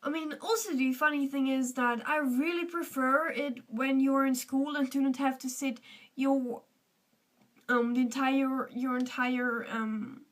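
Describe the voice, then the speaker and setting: Teen girl vlogger, Austrian German accent, rambling casual talk, high voice, mic a bit distant. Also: fairly even intonation, a little slow. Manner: chatty, rambling, with many fillers and restarts. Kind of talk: casual chat to camera.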